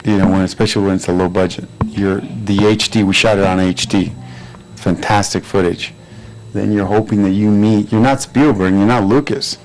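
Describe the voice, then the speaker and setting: A man, an actor and producer, talking in a relaxed, rambling way with lots of fillers at a crowded premiere. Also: on the low side, normal speed, poor audio. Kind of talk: premiere interview.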